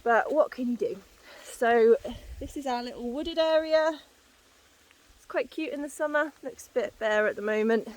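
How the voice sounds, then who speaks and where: A woman's voice: on the high side, moderate pace, poor audio. A woman vlogging casually outdoors as she walks, out of breath and puffing while she talks. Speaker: horse owner and vlogger. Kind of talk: casual vlog chat while walking. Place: outdoors on paddocks and hilly, boggy ground.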